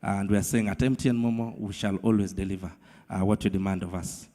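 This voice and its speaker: A man with a Ugandan English accent giving a formal thank-you speech as a company executive, measured and full of uh fillers. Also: deep voice, steady tone, warm tone. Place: large event hall. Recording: long hall reverb.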